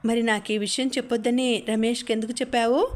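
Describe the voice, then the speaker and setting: A woman's voice: fairly high pitch, fairly even intonation, a little fast, natural voice. A woman voicing an affectionate young mother who speaks tenderly and coaxingly, in an audiobook.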